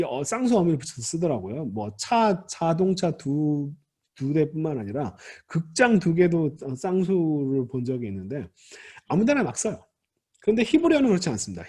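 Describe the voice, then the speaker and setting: A male teacher giving a recorded lecture, his voice slightly raised in pitch and sweeping up and down. He sounds a little husky, patiently restating words and telling his students not to worry. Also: mellow. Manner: patient, repeats key words and restarts to explain; addresses students directly and reassures them. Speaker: Hebrew grammar teacher.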